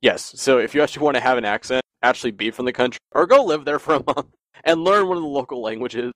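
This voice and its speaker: A man in a casual podcast chat tells long, rambling stories in a fast, mid-range voice, animated and laughing often. The audio has no echo.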